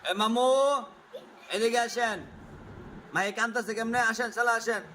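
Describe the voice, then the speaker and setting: Bright-voiced adult soothing a crying child. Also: medium pitch, fairly even intonation, normal speed, a little hiss or hum. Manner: gentle questioning, teasing and soothing. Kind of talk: casual coaxing chat.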